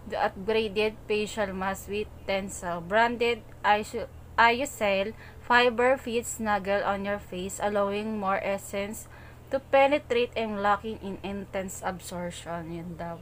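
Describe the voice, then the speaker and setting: A woman talking through a sheet mask. She reads label text slowly and carefully, then slips back into casual review chat. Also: mid-range voice, a little hiss or hum, rough recording. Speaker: beauty vlogger.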